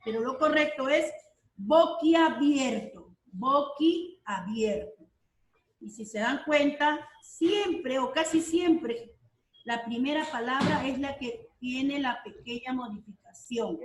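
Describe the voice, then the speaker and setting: Slow, high-voiced woman teacher in a roomy space. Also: recorded from a distance. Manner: slow, repeats key terms, checks understanding with "¿ya?". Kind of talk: online class lecture. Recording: roomy sound from off the mic.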